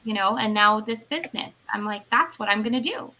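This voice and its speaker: Bright-voiced woman in her thirties, earnest. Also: medium pitch, animated, brisk, a little hiss or hum, rough recording. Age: 30s. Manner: earnest, rambling with many "like" and "you know". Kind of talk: casual chat.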